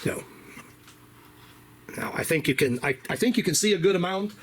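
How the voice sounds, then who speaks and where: An auto mechanic with a higher-than-usual voice gives a casual how-to repair walkthrough in his shop, recorded by a camera on a tripod. He talks at normal speed in a relaxed, rambling way, full of fillers and restarts, with faint shop noise behind him.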